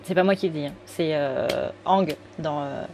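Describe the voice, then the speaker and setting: Chatty tarot-reading woman, lower voice, rambling and self-correcting; faint hiss behind. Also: unhurried, dark tone. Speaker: tarot card reader. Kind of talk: casual spoken tarot reading.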